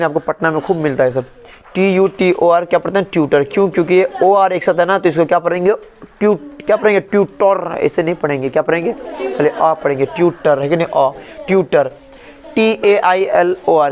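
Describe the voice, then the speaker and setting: A male English teacher in a classroom, spelling words letter by letter and quizzing his class with repeated questions. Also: high-pitched. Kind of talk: classroom lesson.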